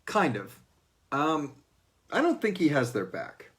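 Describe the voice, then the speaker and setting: The host and creator of the series leads a casual Q&A in a loose, informal style, swearing at times and acting out quotes. His voice sits fairly high, with huge pitch swings, a slow pace and a slightly bright quality.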